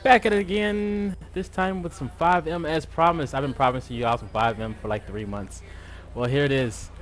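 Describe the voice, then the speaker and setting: A man's voice: medium pitch, moderate pace, faint music behind. A man streaming a driving game, talking casually to his viewers and friends with lots of fillers and slang. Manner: laid-back slangy talk with frequent fillers. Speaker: streamer and server owner. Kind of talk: casual gaming stream chat.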